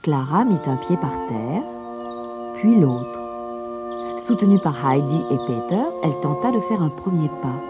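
Brief: woman, storybook narrator, low and animated, music bed. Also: unhurried. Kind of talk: storybook reading. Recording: music playing behind.

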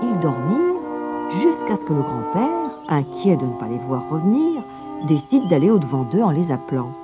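A woman narrating a children's storybook in an expressive way, with music playing behind. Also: deep voice, moderate pace. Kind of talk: storybook reading.

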